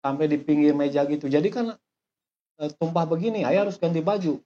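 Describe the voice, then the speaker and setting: A man's voice: on the high side, brisk, dark tone, lightly acted. Annoyed dad chewing everyone out, blaming and fed up, man putting it on, dull lo-fi sound. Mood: angry scolding. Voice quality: exasperated, blaming. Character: angry scolding father, grown man. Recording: dull lo-fi recording.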